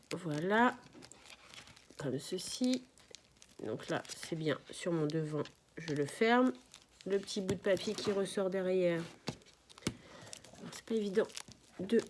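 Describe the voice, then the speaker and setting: A woman's voice: mid-range voice, a little mellow, slight background noise. A middle-aged woman, chatting through a step-by-step craft demonstration and explaining each move as she works. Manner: chatty, explains while working, often apologizes. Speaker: crafts tutorial host.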